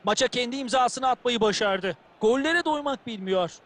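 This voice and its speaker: A man's voice: very high-pitched, normal speed, a bit bright. A man giving analytical football commentary as the second voice in a video game.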